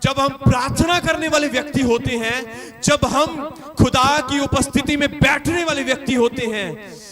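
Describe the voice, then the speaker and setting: A man's voice: extremely high pitch, fairly even intonation, normal speed, crowd noise. A man preaching a sermon as a pastor, emphatic and repetitive, with frequent calls of hallelujah.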